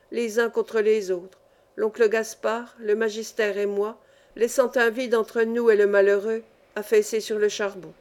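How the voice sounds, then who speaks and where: A woman narrating a classic novel as an audiobook in a measured, even way. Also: fairly high pitch. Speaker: audiobook reader.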